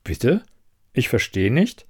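A polished, evasive TV quizmaster in an audiobook crime story, as the male reader puts him on. He speaks politely and smoothly, close to the reader's own mid-pitched voice. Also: huge pitch swings, slow pace, darkish tone, full character voice. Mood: defensive. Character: slick, evasive male TV quiz host.

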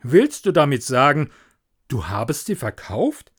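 A man's voice: medium pitch, very animated, unhurried, slightly rough. A man playing a pompous, selfish older miller in a storybook, speaking in a moralizing, self-satisfied way.

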